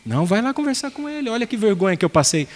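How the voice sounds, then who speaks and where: A man's voice: high voice, very animated, very fast, voice pushed up. An indignant nagging wife, as a preacher puts her on. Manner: insistent, scolding. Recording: long hall reverb.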